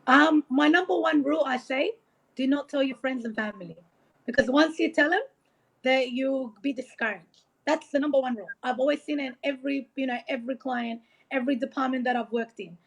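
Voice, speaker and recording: An Iraqi woman speaks as a motivational coach in a loose interview, earnest and encouraging as she rambles, peppering her talk with "like" and "you know." Her voice is high with vocal fry, and she goes a little fast. The audio is dull and lo-fi.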